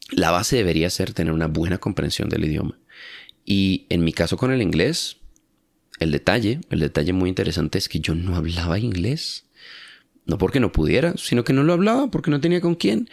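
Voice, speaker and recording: Low, gravelly Colombian guy. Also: no room sound, clean studio sound. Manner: rambling, self-correcting, tag questions. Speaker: language-learning YouTuber. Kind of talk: casual explanatory monologue.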